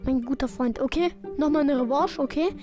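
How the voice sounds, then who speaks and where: A high-pitched woman talks through a video game match as it happens. Her play-by-play is excitable and self-mocking. Game music plays clearly underneath her voice. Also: brisk. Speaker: gaming video creator. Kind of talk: live gameplay commentary.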